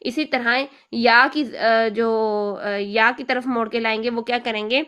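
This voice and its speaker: Woman teacher, higher-pitched voice, patient, step-by-step explanations with frequent check-ins. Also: fairly even intonation, measured pace, sharp tone. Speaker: Quran recitation teacher.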